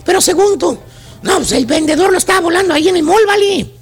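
A Mexican man hosting a comedy radio show, delivering a rowdy, slang-heavy monologue and often shouting. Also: extremely high pitch, quick pace. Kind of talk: comic monologue.

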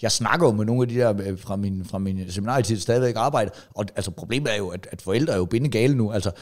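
A middle-aged man, a comedian co-hosting a podcast, telling rambling stories with lots of swearing and restarts. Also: fairly low pitch. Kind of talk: casual chat, telling stories.

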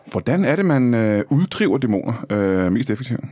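A male host asks his questions in earnest, with a mock-serious interest. His pitch moves a lot as he talks, and the sound is dry and close. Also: big pitch swings, dark tone, dry recording.

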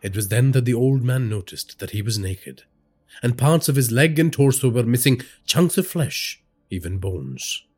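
A man's voice: medium pitch, normal speed. A man narrating a scripted horror story, telling it dramatically. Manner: dramatic storytelling with lively inflection.

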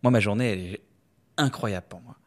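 A man from France with a French accent, a comedian guest chatting in a relaxed way and laughing easily. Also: fairly low pitch, a little fast. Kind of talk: casual conversation.

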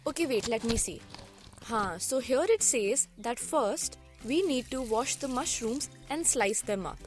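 Expressive high-pitched North Indian woman. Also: unhurried, soft background music. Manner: expressive Hindi-English code-switching. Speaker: co-host of a cooking podcast. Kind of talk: scripted casual cooking dialogue.

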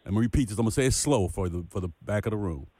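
A man's voice: lowish voice, rapid-fire, warm tone, dry recording. A man co-hosting a casual sports podcast, talking football in an emphatic way and repeating points for effect. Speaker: podcast co-host.

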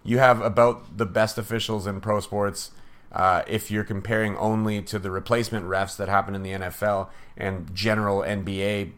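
Opinionated low-voiced man breaking down hockey. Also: fairly bright tone. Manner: opinionated, sarcastic, with fillers and laughs. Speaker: hockey podcast host. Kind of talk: casual hockey commentary.

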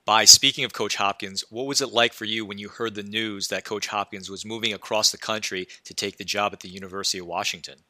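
A man's voice: fairly low pitch, fairly even intonation, quick pace, hardly any pauses, bright, forceful tone, no room sound. A man hosting a podcast, asking polished, prepared questions of a guest. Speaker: podcast host. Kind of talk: scripted interview questions.

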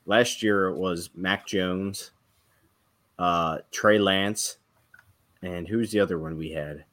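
A man's voice: deep voice, slow pace, fairly bright tone. A man co-hosting a casual sports podcast, talking directly and quizzing the others. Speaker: podcast co-host.

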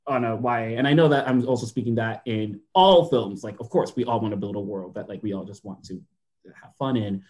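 A man's voice: mid-range voice, a little mellow. A man talking as a guest on a casual podcast, informal and teasing, explaining his thoughts in long winding sentences. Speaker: podcast guest, young adult show creator.

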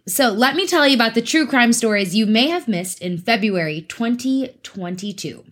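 A woman's voice: a little high, lively intonation, normal speed, fairly bright tone. A woman from Africa, hosting a casual true crime podcast in a chatty, giggly way with teasing asides. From South Africa. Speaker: podcast host.

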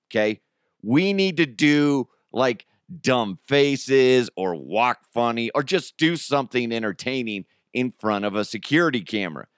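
An American man with a smooth, medium-pitched voice hosts a laid-back solo comedy podcast, speaking in slangy, everyday conversation and chuckling as he goes. The sound is dry and clean, from a studio.

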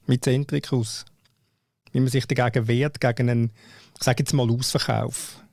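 A Swiss German-accented man debates in a casual panel talk. His mid-pitched voice is creaky and gravelly, recorded dry, and he repeats phrases for emphasis. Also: level tone, normal speed, a little mellow, no echo. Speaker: football panellist. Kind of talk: casual discussion.

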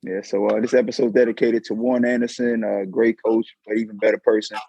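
A man co-hosting a podcast, talking in a relaxed, conversational way. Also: on the low side, quick pace, gravelly, breathy edge, dry recording, highs cut off. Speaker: podcast co-host. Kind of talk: casual podcast chat.

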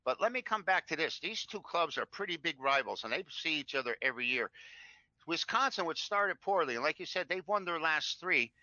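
Bright punchy guy talking college hoops bets, rambles on stats, dry dull lo-fi audio. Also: fairly high pitch, lively intonation, a little fast, dry recording. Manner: chatty, rambling, stacks up stats. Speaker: sports betting co-host. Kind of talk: sports betting talk show. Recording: dull lo-fi sound.

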